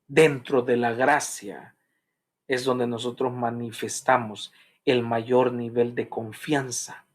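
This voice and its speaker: A man's voice: mid-range voice, slow. A man preaching a Bible study sermon, telling stories and acting out voices. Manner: animated storytelling, acts out voices. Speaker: pastor.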